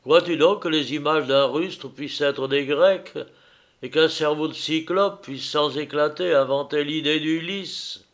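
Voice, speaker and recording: A man voicing a cunning, commanding Greek hero who shouts taunts across the water. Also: fairly high pitch, unhurried, natural voice. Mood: scornful.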